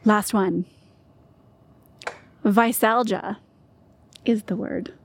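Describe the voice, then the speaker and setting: A woman's voice: medium pitch, fairly even intonation, drawn-out words, slight background noise. A young woman with a Canadian accent, co-hosting a casual podcast as a medical student, chatty with lots of fillers and laughter. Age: young adult.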